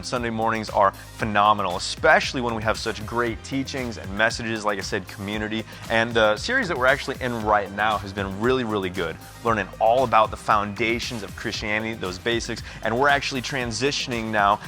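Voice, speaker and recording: Low-voiced guy doing upbeat church announcements, bright sound, music under. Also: brisk, few pauses. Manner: upbeat, welcoming. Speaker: church host.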